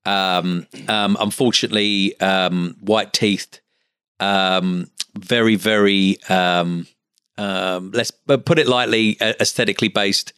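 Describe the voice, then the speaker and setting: A man's voice: on the low side, fairly even intonation, takes it slowly, a bit bright, smooth, dry recording, studio quality. A middle-aged man from Essex with an Essex accent, talking casually as an interview guest in a chatty, stop-start way. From Essex, England. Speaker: interview guest, medical finance business owner.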